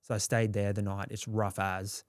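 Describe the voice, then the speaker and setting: A man's voice: fairly low pitch, level tone, normal speed, dry recording, clean studio sound. A young Australian man telling his story in a candid, rambling way, swearing freely and acting out quotes. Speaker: guest.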